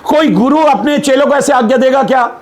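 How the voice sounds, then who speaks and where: High-voiced male pastor preaching. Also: brisk. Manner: humorous storyteller, asks the congregation questions. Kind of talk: Hindi sermon with jokes and rhetorical questions.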